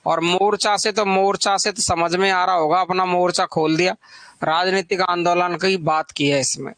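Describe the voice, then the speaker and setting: A man's voice: high voice, steady tone, normal speed, fairly bright tone, no echo. A man teaching a live online Hindi literature exam-prep class, chatty, repeating lists of titles and teasing students by name.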